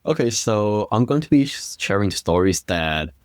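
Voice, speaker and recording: A man from Guatemala, a guest telling about his upbringing in a relaxed, rambling way with plenty of fillers. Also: lowish voice, moderate pace, clean tone, no room sound, studio quality. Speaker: guest storyteller. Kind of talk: casual interview chat.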